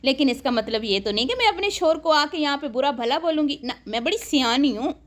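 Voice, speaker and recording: Calling the viewer her sister, a woman with a high-pitched, animated voice delivers sarcastic, scolding commentary in reaction to other online creators.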